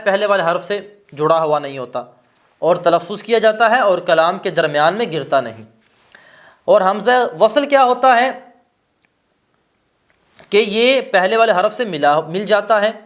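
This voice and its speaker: A man with a fairly high voice gives a grammar lesson. He asks his class rhetorical questions and then answers them himself. He slows right down to sound out his example words. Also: fairly bright tone. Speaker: teacher of Arabic grammar.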